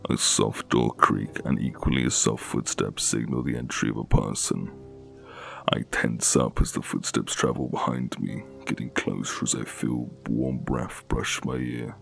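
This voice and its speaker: Guy reading a scary story, really deep haunting voice, super gravelly fry, bit of music behind. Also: steady tone, unhurried, fairly bright tone. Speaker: narrator. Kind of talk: scripted scary story narration.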